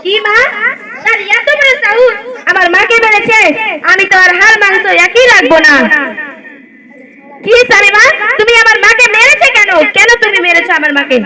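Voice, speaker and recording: A woman's voice: very high voice, normal speed, long pauses, poor audio. A woman playing a weak-willed grown son. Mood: upset. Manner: anxious, placating pleading. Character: weak-willed son torn between mother and wife. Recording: loud crowd noise behind.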